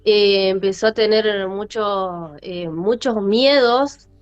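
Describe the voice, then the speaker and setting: A woman with a mid-range voice and a Rioplatense Spanish accent speaks slowly as a podcast host. She tells a story casually and animatedly, full of fillers and repetitions, in a lo-fi recording with faint music.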